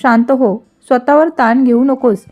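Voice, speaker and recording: A woman reading the part of a calm, wise male doctor who speaks in a soothing, measured way. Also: high voice, dull audio, soft background music.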